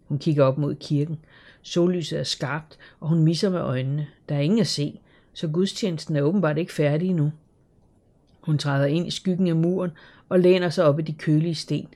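An audiobook narrator reading a story in an even, measured way. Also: medium pitch. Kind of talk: scripted narration.

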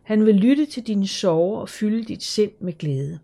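An audiobook narrator voicing a pious old spinster lady who talks with gentle, preachy concern. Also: mid-range voice, expressive, pitched above the performer's own voice. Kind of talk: audiobook character voice.

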